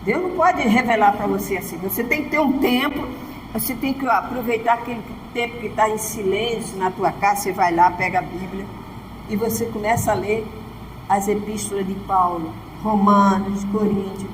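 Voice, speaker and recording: Background noise accompanies a mid-range woman's voice speaking at normal speed in an echoey church hall. She's a pastor with a Brazilian Portuguese accent, preaching emphatically from the altar and repeatedly prompting the congregation with "Amém?".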